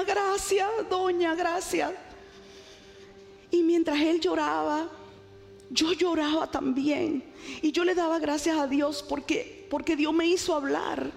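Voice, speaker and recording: Preaching woman in a long-echo hall. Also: high-pitched. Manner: dramatic storytelling, urging the congregation. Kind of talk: testimony sermon.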